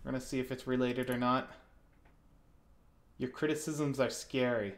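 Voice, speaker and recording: A man's voice: medium pitch, steady tone, moderate pace. A man co-hosting a casual online art critique stream, joking and rambling as he corrects himself mid-sentence.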